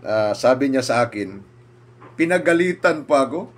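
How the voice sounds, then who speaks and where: A man's voice: mid-range voice, normal speed. A man, a pastor, telling a personal story and acting out what others said. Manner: animated, acts out quoted speakers with raised voice.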